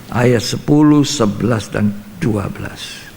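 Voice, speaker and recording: A man's voice: on the low side, takes it slowly, vocal fry, a little mellow, slight background noise. An older man preaching a Bible study sermon as pastor, emphatic and repetitive, acting out scenes, in a reverberant church hall.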